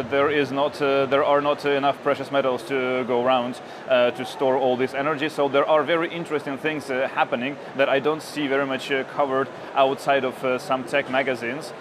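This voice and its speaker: A man in his thirties, originally from Ukraine, answers interview questions in a halting way, full of fillers and restarts. His voice sits at a middle pitch. The recording is outdoors, with clear street and traffic noise behind him. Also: little pitch movement. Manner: hesitant, many fillers and restarts. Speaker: interviewee, tech journalist. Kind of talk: conference interview.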